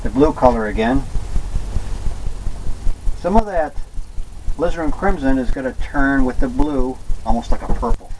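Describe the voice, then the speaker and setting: A man giving a casual step-by-step painting lesson in a gentle, easygoing instructor's manner. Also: medium pitch, normal speed, pauses often, noisy background.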